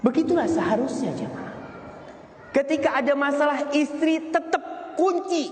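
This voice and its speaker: A man's voice: lively intonation, moderate pace, a little mellow. Man preaching in an echoey hall. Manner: storytelling, voice leaps higher for emphasis. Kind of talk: marriage advice sermon. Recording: echoey hall with long reverb, faint noise.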